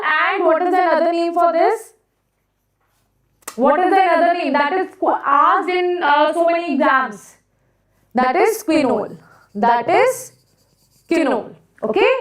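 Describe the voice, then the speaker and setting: Lady teacher, high voice, loud echo in the classroom, recorded from far back, repeats stuff and quizzes the class. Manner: repeats phrases, asks students questions. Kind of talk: classroom lecture, quizzing students. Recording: echoey classroom, mic far off.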